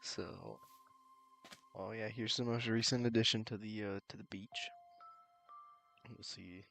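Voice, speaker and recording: A man chatting casually while streaming a building game, relaxed and rambling, his voice slightly worn. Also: lowish voice, measured pace, gravelly, soft background music. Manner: relaxed, rambling, laughs softly to himself. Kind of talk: casual live-stream chat. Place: at home late at night. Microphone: desk mic with cord.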